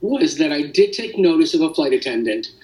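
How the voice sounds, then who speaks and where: A father giving a halting, emotional account in a remote news interview, with many restarts. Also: a little high, sing-song, a little mellow, recorded from a distance, poor audio.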